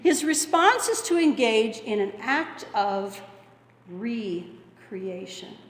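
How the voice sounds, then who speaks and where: A woman pastor preaches in a measured, earnest way, stretching out pauses for weight. Her voice sits fairly high and carries through a roomy sanctuary with a long, hanging reverb. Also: sing-song. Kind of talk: sermon. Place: church sanctuary. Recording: echoey hall with long reverb.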